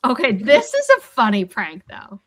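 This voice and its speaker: A woman guest in a casual chat, reacting quickly and laughing as she tells stories. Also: medium pitch, huge pitch swings.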